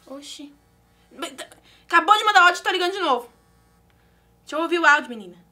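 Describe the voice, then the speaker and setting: This clip has a young Brazilian-accented YouTuber giggling and chatting anxiously while she pranks her mom in a casual vlog. Her voice is extremely high, fast, lively in intonation, and bright with a pushed quality.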